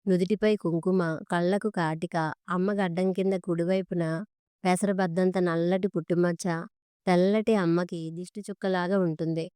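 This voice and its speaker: Woman reading a story aloud, lowish voice, flat steady delivery, super clean dry sound. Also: moderate pace, smooth, no room sound. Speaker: story narrator. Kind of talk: scripted narration.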